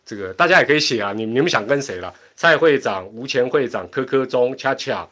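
A man's voice: mid-range voice, expressive, a little fast, a bit bright. A middle-aged man with a Taiwanese accent hosting a casual livestream, chatty and rambling, laughing often between asides. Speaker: livestream host. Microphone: home internet setup.

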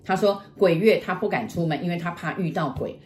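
A woman's voice: on the low side, fairly quick. Middle-aged woman, casual storyteller, acts out the voices, echoey room. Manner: animated, acts out quoted voices, laughs often. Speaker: storyteller host. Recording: echoey room with faint noise.

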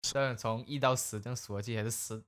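A man's voice: mid-range voice, steady tone, quick pace, fairly bright tone. A man hosting a casual chat, curious and asking many questions.

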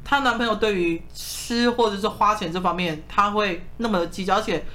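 A woman telling anecdotes on a podcast in a blunt, lively way. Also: medium pitch, brisk. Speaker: podcast co-host. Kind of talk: casual chat.

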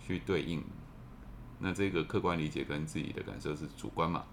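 A man's voice: very deep voice, brisk, creaky, a little hiss or hum. A man with a Taiwanese Mandarin accent talking reflectively in a casual discussion. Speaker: podcast panelist.

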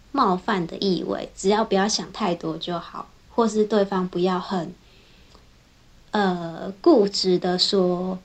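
Chatty young woman engineer. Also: mid-range voice. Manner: chatty, strings thoughts together with frequent "then". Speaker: software engineer. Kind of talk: casual personal vlog storytelling.

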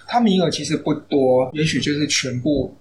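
Taiwanese-accented male author guest, chatty storyteller, fairly high voice, noisy recording. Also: moderate pace. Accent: Taiwanese Mandarin. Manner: chatty, anecdotal, many fillers. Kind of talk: casual podcast interview. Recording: noisy background.

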